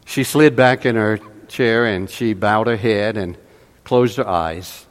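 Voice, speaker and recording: Slow-preaching man in a reverberant church. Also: fairly low pitch. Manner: slow, measured preaching with dramatic pauses. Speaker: pastor. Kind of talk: sermon storytelling. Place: church sanctuary. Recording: long hall reverb.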